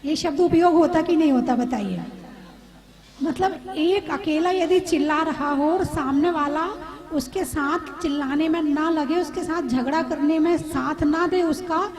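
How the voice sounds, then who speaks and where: A woman, a Jain nun, giving a conversational sermon, asking her audience questions with gentle humor. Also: high-pitched, unhurried, poor audio.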